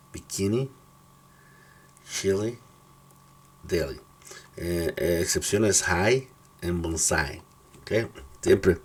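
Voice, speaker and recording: Low, slow, husky-voiced male teacher. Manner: patient, explanatory, checks in often with short questions. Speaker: English teacher. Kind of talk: explaining pronunciation rules and reading word lists.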